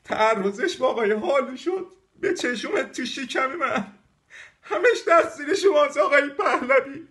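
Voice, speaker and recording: Comic bit: man voicing a pregnant Isfahani guy, very high, sharp, whining. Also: animated, full character voice. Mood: complaining.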